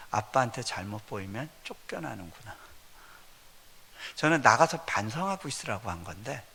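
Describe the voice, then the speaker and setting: In a church sanctuary with the long reverb of the hall, a missionary preacher gives a conversational, story-driven sermon at a revival meeting, chuckling between points. His mid-range voice is sharp, with a bit of hiss or hum on the recording.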